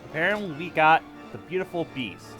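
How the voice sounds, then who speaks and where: A man's voice: on the high side, expressive, brisk, music in the background. A man giving casual walkthrough commentary on a video game. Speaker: gamer making a walkthrough.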